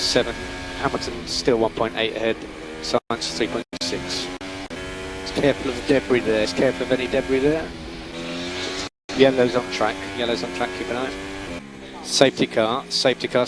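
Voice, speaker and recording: A man working as a race engineer, giving clipped, repeated instructions to a driver over race car radio. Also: medium pitch. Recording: noisy team radio with car sounds.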